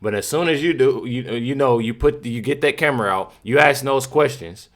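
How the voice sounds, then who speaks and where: A man's voice: mid-range voice, normal speed, fairly bright tone. A man hosting a reaction channel, talking casually and emphatically with many fillers and repeats. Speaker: commentary channel host.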